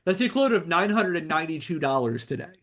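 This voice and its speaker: A man co-hosting a podcast, chiming in with quick interjections and fact checks during a movie commentary. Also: a little high, sing-song, a bit bright. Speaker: podcast co-host. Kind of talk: casual movie commentary chat.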